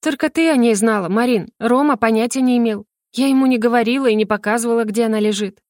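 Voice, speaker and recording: An anxious young woman, her voice climbing high and sharp as she pleads and accuses, as a woman narrator plays her. Tense and insistent, read close in a dry, deadened room. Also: fast, no echo, close to an everyday voice. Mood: serious. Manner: tense, pleading, rising to shouts. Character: young woman, frightened sister turned accuser.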